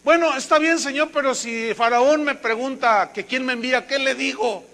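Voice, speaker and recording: A nervous, reluctant prophet, as a preacher acts him out, his voice rising thin and high. He hesitates and pleads. The tone is strained and bright. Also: normal speed, full character voice. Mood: pleading. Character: timid, reluctant older male prophet.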